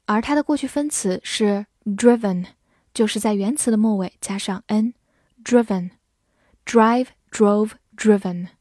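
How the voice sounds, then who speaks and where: A woman teacher giving a scripted vocabulary lesson, spelling words letter by letter and repeating them slowly. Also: medium pitch, a little mellow, no room sound, clean studio sound. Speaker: English teacher.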